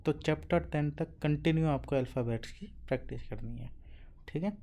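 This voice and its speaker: A dark-voiced male Japanese teacher, pitched on the high side, explains a lesson classroom-style. He says "okay" constantly, asks and answers his own questions, and slowly drills syllables.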